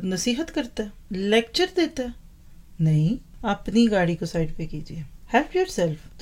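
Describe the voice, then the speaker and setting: A woman's voice: mid-range voice, a little mellow. Woman giving a homely religious talk. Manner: talks straight to the audience with rhetorical questions and homely examples. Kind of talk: Islamic lecture on parenting. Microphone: microphone in front of her.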